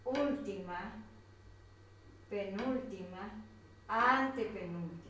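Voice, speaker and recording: A woman's voice: medium pitch, a bit bright, far from the mic. A woman teacher with a Colombian accent, patiently walking a pupil through a grammar worksheet and pointing at each item. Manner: patient, repeats and points at items on a page. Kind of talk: slow worksheet instruction to a pupil. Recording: very echoey room, voice off-mic, faint noise.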